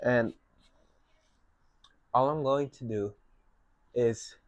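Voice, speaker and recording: A young man talks through a painting lesson in a slow, unhurried way, guiding each brushstroke step by step. His voice sits at an ordinary pitch and is recorded close and dry. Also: no room sound, dull audio. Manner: slow, relaxed step-by-step instruction. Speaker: painting instructor. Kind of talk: painting tutorial.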